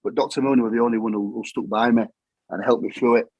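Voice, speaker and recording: A man's voice: medium pitch, fairly even intonation, fast, darkish tone, no echo, highs cut off. A middle-aged man with a Yorkshire accent, telling his story in plain-spoken, matter-of-fact talk that often repeats itself. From England. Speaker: guest. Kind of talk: casual storytelling.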